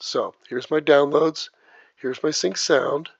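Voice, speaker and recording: A man teaching video editing step by step, narrating each click as he works, heard through low sample rate, muffled audio. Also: fairly even intonation, slow, vocal fry, slightly rough, no echo. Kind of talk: step-by-step screen tutorial. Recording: dull lo-fi dry voice track.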